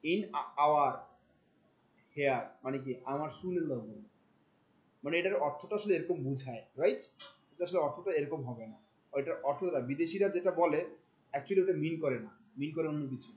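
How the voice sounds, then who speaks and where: A man, teaching a class. He talks in a colloquial, animated way, firing questions at the students. He drops English terms into his explanations. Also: fairly high pitch, poor audio. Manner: questions the class often, mixing in English words. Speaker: marketing instructor. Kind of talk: classroom lecture.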